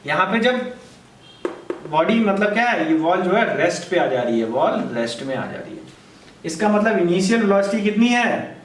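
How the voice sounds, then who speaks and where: Male physics tutor, high voice, quizzes the class and answers himself, stands off-mic in an echoey room. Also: lively intonation, far from the mic, slight background noise. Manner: asks questions and answers them himself, repeats key steps; reads problem text slowly and word by word. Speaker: physics teacher. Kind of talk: board lesson.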